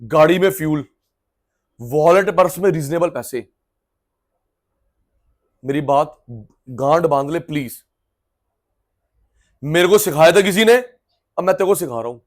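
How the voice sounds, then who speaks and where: High-voiced man teaching economics lively. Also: a little slow, pauses often. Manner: lively, chatty, acts out students with everyday examples. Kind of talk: classroom lecture. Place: classroom.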